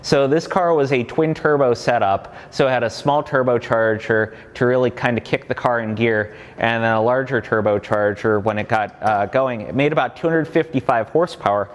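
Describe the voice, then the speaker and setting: A man in his thirties walks through a collection and explains it eagerly, piling up details and leaning on plenty of fillers. His voice sits at an ordinary middle pitch. A long reverb from the underground garage trails behind his words. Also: normal speed, hardly any pauses. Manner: enthusiastic, fact-heavy, many fillers. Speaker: company collection guide. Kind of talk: casual walkaround explanation. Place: large underground parking garage.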